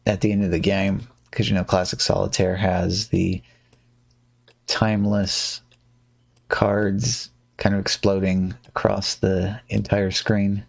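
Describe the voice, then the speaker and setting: A man's voice: deep voice, slow. A man streaming a card game live, chatting casually, humming and muttering to himself as he plays. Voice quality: gravelly, relaxed, hums and mutters while playing.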